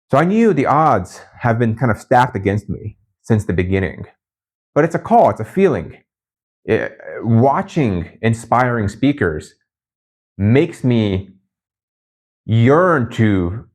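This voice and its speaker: A channel host with a low, slightly mellow voice tells his personal story to the camera, candid and reflective, with frequent pauses and restarts. He was raised in Japan by Brazilian parents, and Japanese is his first language.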